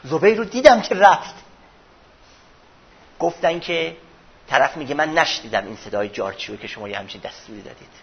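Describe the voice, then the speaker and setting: A man giving a religious history lesson, retelling events dramatically and swinging from loud passages to hushed ones, with a husky voice. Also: a little high, lively intonation, long pauses, muffled recording. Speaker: religious teacher.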